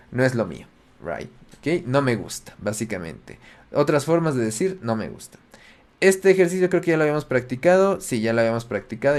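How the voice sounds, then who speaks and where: A male teacher runs a live online English lesson. He talks in an ordinary mid-range voice and drops into slow, deliberate English example sentences. He reads out viewers' chat answers and replies to them by name. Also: medium pitch. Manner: switches between Spanish explanations and slow, carefully spoken English examples.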